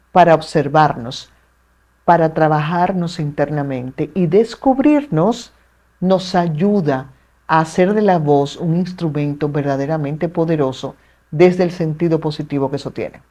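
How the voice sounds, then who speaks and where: Dominican woman explaining with expressive ease. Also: deep voice. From Dominican Republic. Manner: articulate, measured, expressive with playful asides. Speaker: communication expert guest. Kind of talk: explanatory interview talk.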